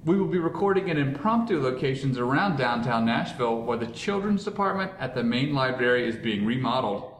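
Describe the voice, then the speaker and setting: A man's voice: mid-range voice, expressive, brisk. A man hosting a casual group podcast, recorded in an echoey lobby. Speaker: podcast host. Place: echoing science center lobby. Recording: echoey lobby, faint background noise.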